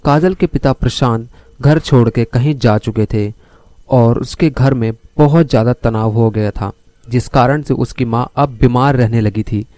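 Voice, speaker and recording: A man telling a crime story, speaking straight to his listeners as he moves the plot along. His voice is dark and mellow, and the recording is close and dry. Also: medium pitch, no room sound. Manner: addresses listeners directly while telling the story.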